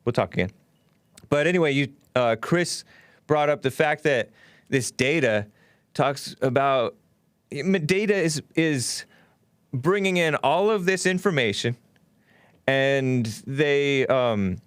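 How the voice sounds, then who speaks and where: A man's voice: mid-range voice, animated, takes it slowly, long pauses, clean tone, dry recording. A man hosting a call-in show, talking casually with callers.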